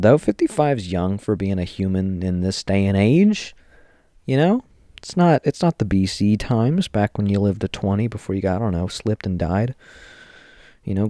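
A man's voice: fairly low pitch, mellow, dry recording, clean studio sound. A young man hosting a solo podcast, rambling and joking as he thinks aloud. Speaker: podcast host. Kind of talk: casual solo commentary.

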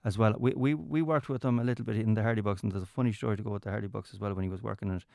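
A man's voice: fairly low pitch, fairly even intonation, gravelly, a little mellow, no echo, studio quality. A man from County Mayo with a west of Ireland accent, telling stories casually as an interview guest and often restarting his phrases. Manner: halting, repeats words and restarts phrases often. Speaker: interview guest, comedian and entertainer. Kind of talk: casual conversational storytelling.

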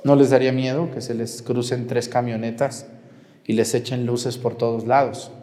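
A man's voice: mid-range voice, level tone, moderate pace, dark tone, long reverb tail. A man with a Mexican Spanish accent, a parish priest giving a sermon and putting questions to the congregation in a conversational way. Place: church.

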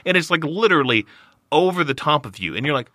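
A man co-hosting a podcast, telling an animated, profane anecdote in casual chat. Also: fairly high pitch, fast, no room sound, clean studio sound. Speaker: podcast co-host. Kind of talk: casual storytelling.

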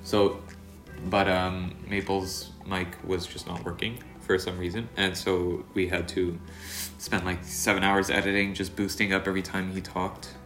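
Casual podcast co-host, male, very deep and nasal, stuffy with allergies, rambles through fillers and restarts; echoey room. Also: level tone, unhurried, fairly bright tone, faint music behind.

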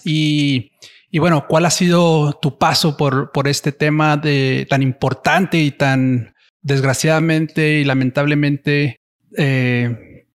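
A man hosting a faith-based podcast interview, talking in a friendly way with frequent restarts and repeated words. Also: a little high. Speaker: podcast host.

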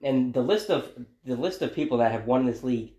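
A man's voice: mid-range voice, lively intonation, a little fast, dark tone. A man with a mid-range voice puts questions to his co-host in a laid-back, hesitant way. He fills gaps with ums and uhs in a casual podcast chat. The voice carries a roomy echo. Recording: echoey room.

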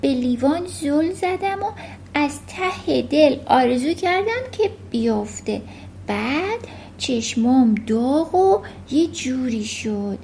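A woman's voice: sits high, expressive, warm tone, a little hiss or hum, pitched above the performer's own voice. A woman voicing an earnest little schoolgirl with strange powers, telling things plainly.

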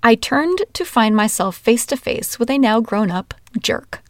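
A woman's voice: on the high side, expressive, a little slow, no room sound. Casting: woman narrator, first-person memoir read, wry and candid, dry close sound. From Washington, USA.

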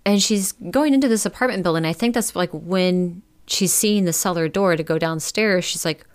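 Low-voiced woman telling a story casually. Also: moderate pace, clean tone. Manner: chatty, lots of "like" fillers, occasional swearing. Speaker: podcast storyteller.

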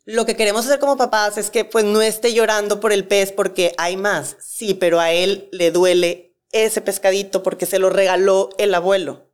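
A woman, a guest expert calmly explaining grief with examples in a talk-show conversation. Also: medium pitch, normal speed, hardly any pauses, clear, resonant tone.

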